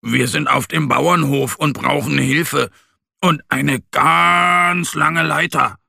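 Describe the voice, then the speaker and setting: Mann als kleiner Bär, eifrig, laut und deutlich, leicht rauchig. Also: male voice, lowish voice, sing-song, unhurried, creaky, a bit bright, breathy edge, no echo, clean studio sound, heavily acted.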